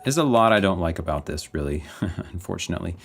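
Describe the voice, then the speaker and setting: A music producer from British Columbia, with a light West Coast Canadian accent, thinks aloud while mixing a track, muttering self-critical notes casually. His deep, creaky voice has lively intonation and a quick pace, and faint music playback sounds in the background.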